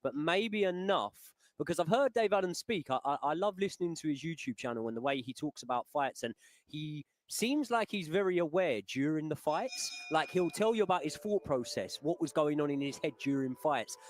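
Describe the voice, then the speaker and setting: A man's voice: on the high side, lively intonation, fairly quick, no echo. Man, stammering fight chat. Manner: stammers and repeats words, builds long points. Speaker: co-host of a live fight watch-along. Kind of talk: casual fight commentary chat.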